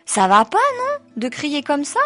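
A woman reading aloud and voicing a cheeky, unimpressed ten-year-old boy who fires off quick, chatty questions. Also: high-pitched, wildly swooping pitch, soft background music, pitched above the performer's own voice, exaggerated voice.

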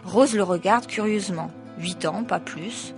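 A woman reads a novel aloud at an even, middle pitch. Between chapters she adds hesitant asides full of fillers. Faint music runs underneath. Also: a little slow. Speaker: reader.

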